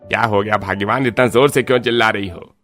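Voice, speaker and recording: A man's voice: lowish voice, steady tone, fairly quick, a bit bright, dry recording, lightly acted. A man voicing a mild older father-in-law. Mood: soothing.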